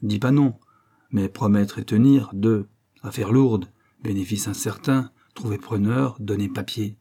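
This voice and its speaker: Un homme lisant un livre audio incarne un directeur escroc, froid et laconique, qui parle par mots hachés. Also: male voice, lowish voice, measured pace, breathy edge. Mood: icy. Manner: clipped telegraphic speech, icy and flat. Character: cold, laconic middle-aged swindler director.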